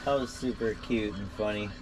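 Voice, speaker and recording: Relaxed middle-aged man chatting in a truck camper. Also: mid-range voice. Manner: relaxed, chatty, laughs often, many fillers. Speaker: vlogger. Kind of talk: casual vlog talk to camera. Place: inside a small truck camper shell at night.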